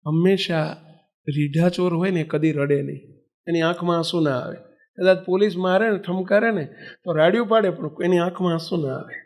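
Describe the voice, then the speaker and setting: High-voiced man telling a sermon story. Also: normal speed. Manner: animated storytelling with quoted dialogue. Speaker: swami preacher.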